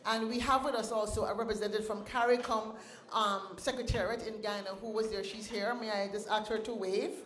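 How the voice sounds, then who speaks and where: A woman's voice: mid-range voice, steady tone, a little fast, fairly bright tone. A woman, the founder and president of an organization, speaking to an awards audience with a rhythmic, sing-song delivery. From Caribbean. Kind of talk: ceremony speech with poetry recital. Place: banquet hall at an awards ceremony. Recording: echoey banquet hall.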